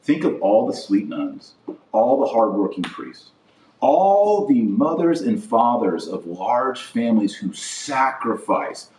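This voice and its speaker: A man hosting a podcast as a religious commentator delivers an impassioned, indignant opinion monologue, full of emphatic repetition and rhetorical questions. His medium-pitched voice is sing-song, slow and darkish, and the slightly distant mic picks up an echoey room.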